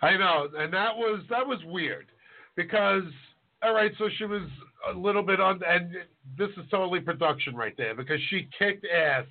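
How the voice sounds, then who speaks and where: Mid-forties chef guy, kinda high voice, rambly jokey chat, sounds like a phone line. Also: moderate pace. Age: 40s. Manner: rambling, joking, self-deprecating. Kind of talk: casual podcast chat.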